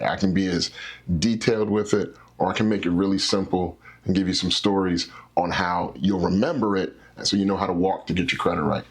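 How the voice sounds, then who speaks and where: A man who works as a credit specialist, a guest in an interview, explaining things simply with stories and animated little scenarios. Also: deep voice, slightly rough. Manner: animated, teacherly, acts out scenarios.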